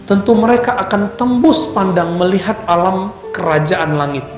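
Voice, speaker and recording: A man preaching a sermon in a lively, conversational way, often putting questions to his audience. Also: high-pitched, moderate pace, echoey room, muffled recording, over music. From Indonesia.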